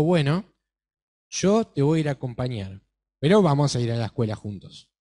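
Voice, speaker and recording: A man with an Argentine accent telling a church story to children, animated and speaking directly to them. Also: a little high. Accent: Argentine Spanish. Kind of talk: Bible-class storytelling to children.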